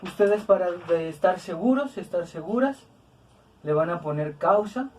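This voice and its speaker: A woman's voice: lowish voice, lively intonation, unhurried, a little mellow, husky. Patient woman teaching grammar, slightly distant. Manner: patient, repeats examples, tag questions and fillers. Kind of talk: explanatory lesson.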